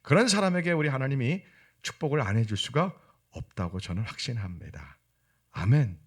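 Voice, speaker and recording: A man with a low, husky voice preaches a sermon in a church. His pitch swings widely as he tells stories and acts out the voices in them. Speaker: pastor.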